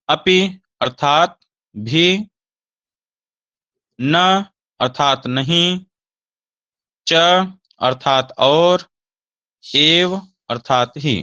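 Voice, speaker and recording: A man teaching Sanskrit grammar, slowly reciting verb forms in a recorded lesson, with a Hindi accent. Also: fairly high pitch, sharp tone, no room sound.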